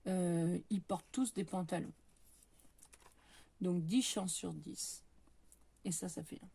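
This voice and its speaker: A woman teaching a middle school math lesson, working through probability exercises out loud in a patient, step-by-step way with many small hesitations. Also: fairly low pitch, slow, gravelly, breathy edge. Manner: patient, talks while counting and pointing things out, frequent "euh" and "donc". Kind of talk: recorded lesson, correcting exercises aloud.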